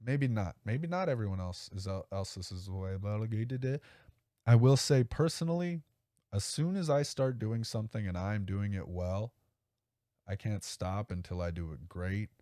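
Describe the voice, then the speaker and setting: Male podcast host with a low, mellow voice, dry sound; rambles and corrects himself, upbeat. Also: moderate pace, dry recording. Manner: rambling, self-correcting, enthusiastic. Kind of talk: casual solo podcast talk.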